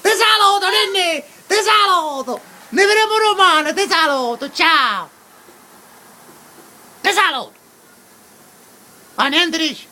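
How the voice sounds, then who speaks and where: A woman with a Sicilian accent talks to her pet bird in a very high, piercing register. She drawls her words slowly, repeating herself as she coos and scolds. Her tone is bright and cutting. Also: lively intonation.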